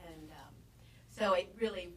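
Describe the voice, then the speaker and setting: A woman's voice: on the low side, measured pace. Casting note: middle-aged woman, chatty storyteller at a panel, distant mic. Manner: chatty anecdotal storyteller, acts out quotes. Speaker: actress guest at a Q&A. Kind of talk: storytelling Q&A answer. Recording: distant event recording with faint noise.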